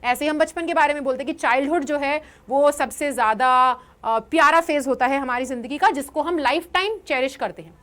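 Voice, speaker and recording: Woman, young adult, Indian accent, high voice, English teacher, lively lesson. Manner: lively, explains in Hindi with English example sentences read slowly. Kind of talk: online lesson.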